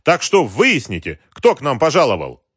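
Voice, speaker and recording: A man's voice: medium pitch, huge pitch swings, normal speed, a bit bright, husky, dry recording, clean studio sound, voice pushed up, heavily acted. A man voicing a haughty male company president who talks down to others. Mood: displeased. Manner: displeased, imperious.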